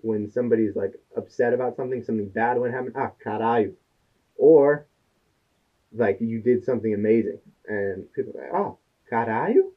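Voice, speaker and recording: Brisk and medium-pitched, a man who speaks English as his first language co-hosts a podcast in casual conversation. He's chatty, full of anecdotes, and quotes others in his stories, and the sound is tinny and phone-like.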